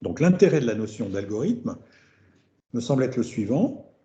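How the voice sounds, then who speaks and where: A middle-aged man from France gives an academic seminar lecture in a very dark, mellow voice that rises and falls in a lively way. He thinks aloud, restarting words and checking in with his listeners. The dull recording has a roomy echo. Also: mid-range voice, moderate pace. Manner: thinking aloud, repeating words and tagging phrases with "hein". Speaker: researcher giving a seminar lecture. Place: seminar room.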